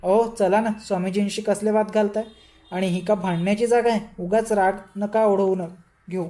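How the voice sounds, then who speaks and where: A worried wife pleads gently and tries to calm her husband down. A woman reads her aloud. The voice is mellow and warm. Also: mid-range voice, moderate pace, natural voice. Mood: pleading. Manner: pleading, placating.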